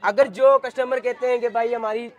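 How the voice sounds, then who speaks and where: A man with a Pakistani accent working as a shop salesman, giving an insistent, repetitive hard-sell pitch on goods and discount prices. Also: steady tone, moderate pace. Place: clothing shop.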